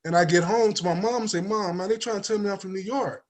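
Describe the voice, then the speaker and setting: Speaking quickly in a high-pitched voice, a man in his forties from East Saint Louis, Illinois, USA, tells stories as a guest on a casual talk show. The life insurance agent animatedly performs the quoted dialogue and keeps adding "you know what I mean."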